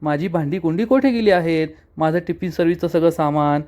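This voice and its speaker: A man's voice: on the high side, fairly quick, darkish tone, close to an everyday voice. A man voicing a determined young woman who pleads and stands firm, retold in a serial recap.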